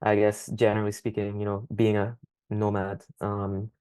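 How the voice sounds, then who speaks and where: A young man speaks in a low, fairly monotone voice, answering a podcast host's questions at an unhurried pace. He hesitates often with "um" as he thinks aloud. The sound is dry and close, with no room echo. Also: clean tone. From Scotland. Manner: thoughtful, hesitant, frequent ums. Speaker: podcast guest. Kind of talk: casual interview answers.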